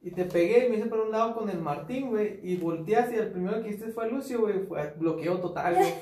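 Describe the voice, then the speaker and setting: A man's voice: high voice, lively intonation, fast talker, a little mellow. A man with a Mexican accent hosting a casual podcast, teasing and laughing his way through stories. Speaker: podcast host. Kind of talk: casual chat. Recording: echoey room, voice from a distance off the mic.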